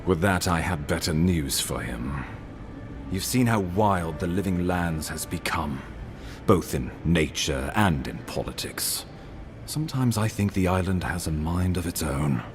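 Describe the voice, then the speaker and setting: An actor playing an earnest, courteous imperial ambassador in a video game, speaking in a formal, eloquent and measured manner. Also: male voice, low voice, expressive. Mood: grave. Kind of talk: dramatic video game dialogue.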